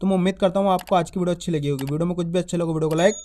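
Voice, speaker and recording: A man's voice: high voice, fairly even intonation, rapid-fire, dark tone, slight background noise. A man teaching beginners to read and write Hindi, patiently sounding out each syllable, repeating words and asking the listener questions. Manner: draws out syllables and stresses sounds when spelling. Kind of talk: slow spelling lesson for beginners.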